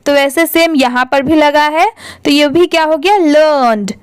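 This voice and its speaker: A woman's voice: high-pitched, normal speed, no echo, clean studio sound. A woman teaching a reading lesson, spelling words out letter by letter and asking and answering her own questions.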